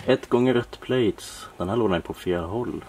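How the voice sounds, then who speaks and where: Low male voice, unhurried, hobbyist showing his collection; noisy home-recorded sound. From Sweden. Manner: relaxed, listing parts with many fillers. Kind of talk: casual room-tour narration. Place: home workshop room, dim lighting.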